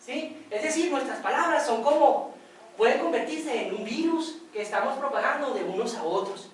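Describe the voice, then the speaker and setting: A woman gives a classroom lecture and tells stories in a chatty way, often checking that her listeners follow. Her voice sits a little high. She sounds far from the mic in a very echoey room, with faint ambience behind her. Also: animated, normal speed. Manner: conversational, asks for confirmation. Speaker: workshop instructor.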